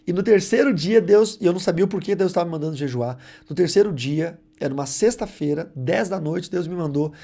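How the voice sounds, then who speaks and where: Gravelly-voiced man preaching a testimony. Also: sits high, a little fast, hardly any pauses. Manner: animated, emphatic retelling with acted-out dialogue. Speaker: preacher on deliverance ministry. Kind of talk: live testimony storytelling.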